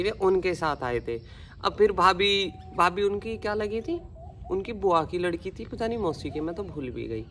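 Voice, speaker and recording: A woman's voice: fairly low pitch, fairly bright tone, a little hiss or hum. A woman with a Haryanvi accent chatting casually to her viewers in a vlog, calling them brother. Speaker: vlogger.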